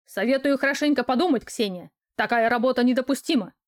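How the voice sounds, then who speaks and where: A woman's voice: mid-range voice, brisk, lightly acted. A woman reading the lines of a confident, teasing male office boss in an audiobook. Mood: stern.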